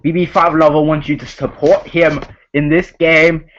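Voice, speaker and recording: A man's voice: on the high side, flat delivery, normal speed. A man hosting a live online game show in a put-on Australian accent, rambling and speaking straight to the players. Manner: rambling, addressing players directly. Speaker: host of an online reality game. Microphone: voice call. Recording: dull lo-fi call audio.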